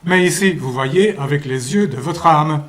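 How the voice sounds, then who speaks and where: A man voicing a gentle, fatherly male saint who speaks in a calm, pious, measured way in a puppet radio play. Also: on the high side. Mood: benevolent.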